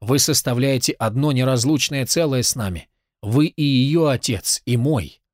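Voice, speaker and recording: A man's voice: medium pitch, moderate pace, darkish tone, no echo, clean studio sound, natural voice. A man reading the lines of an impassioned, grateful young man in a storybook, fervent and insistent.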